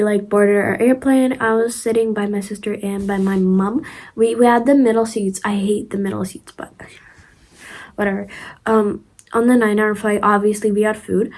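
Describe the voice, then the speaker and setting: A young Ukrainian-accented woman with a mid-range, slightly dark voice speaks directly to her viewers in a loose storytime vlog. She rambles and restarts a lot, filling gaps with "um" and "like" and tossing in giggly asides.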